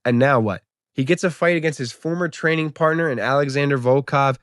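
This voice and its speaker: A man's voice: on the high side, brisk, smooth, no echo, studio quality. A young man giving a casual, comedic fight recap, rambling and swearing as he jokes. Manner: profane, rambling, joking. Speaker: YouTube MMA commentator.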